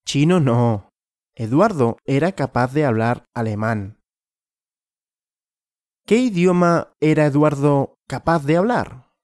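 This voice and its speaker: Male language teacher, question-and-answer story lesson, slow and clear, animated pitch, dry close sound. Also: no room sound. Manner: slow, clear and repetitive, asking and answering his own questions.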